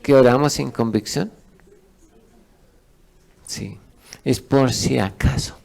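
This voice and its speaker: A man's voice: medium pitch, slow pace, gravelly, darkish tone. A man, a pastor teaching a sermon who asks his congregation questions and lets them answer.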